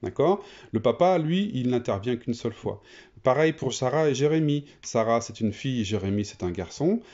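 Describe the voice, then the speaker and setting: A man teaching a reading lesson to children, explaining step by step with many pauses and fillers. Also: medium pitch, expressive, darkish tone, dull audio.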